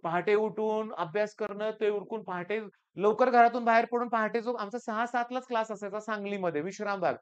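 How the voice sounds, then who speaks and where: A man from the Sangli region, an engineering maths teacher giving students an earnest, animated motivational talk. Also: high voice, brisk, smooth, dull audio. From Sangli region, Maharashtra.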